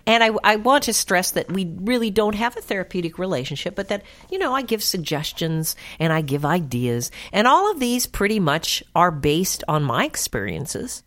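A woman's voice: on the low side, sing-song, moderate pace, few pauses, fairly bright tone. A woman hosting a call-in advice radio show, chatty and reassuring, full of fillers.

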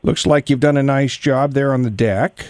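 A man's voice: mid-range voice, normal speed, a little mellow, dry recording, clean studio sound. Fussy officious man on a phone prank. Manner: fussy, officious, hesitant with fillers. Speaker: prank caller posing as insurance agent.

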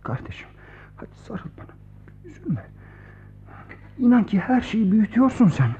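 A firm, caring friend. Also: male voice, high voice, animated, a little fast. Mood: soothing. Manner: firm, then hushed and soothing. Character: steady male friend, scolding yet caring. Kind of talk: radio play acting. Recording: dull lo-fi old radio recording.

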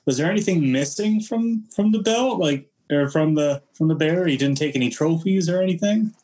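A man playing a tabletop game, asking halting questions full of fillers. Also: on the high side, dark tone, poor audio. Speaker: player.

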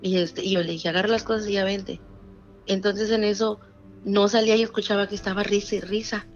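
A woman's voice: mid-range voice, fairly quick, muffled recording, soft background music. A woman with a Mexican Spanish accent telling a true scary story in casual conversation, acting out the voices of the people in it. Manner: animated retelling with quoted dialogue.

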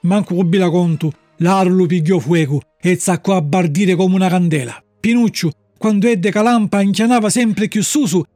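A man telling a storybook tale in lively narration. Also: high voice, moderate pace, hardly any pauses, no echo, studio quality, faint music behind.

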